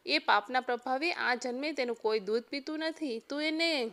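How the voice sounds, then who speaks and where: A solemn male god handing down instructions in a devotional tale, read by a woman in her own high voice. He speaks with calm authority. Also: normal speed. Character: the god Shiva, solemn, commanding male deity.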